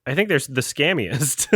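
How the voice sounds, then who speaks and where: A bright-toned man with a lively, swinging pitch riffs wryly on films in casual podcast chat. He laughs often and swears freely, recorded dry and close. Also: a little slow, husky, no room sound. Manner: animated, wry, laughing, swearing. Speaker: podcast co-host. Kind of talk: casual film review chat.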